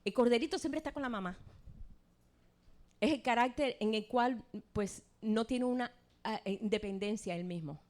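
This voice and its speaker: Fervent woman preaching a sermon. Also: normal speed. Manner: swings from soft, low pleading to loud, high proclaiming.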